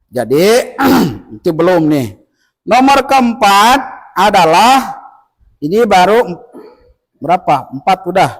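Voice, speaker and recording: A man teaching tajwid to a group of village men, explaining rules patiently and chanting examples slowly. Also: high voice, very animated, rough recording. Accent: Indonesian. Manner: patient and instructive, chants verses slowly to demonstrate. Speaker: Quran recitation teacher. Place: village study gathering indoors.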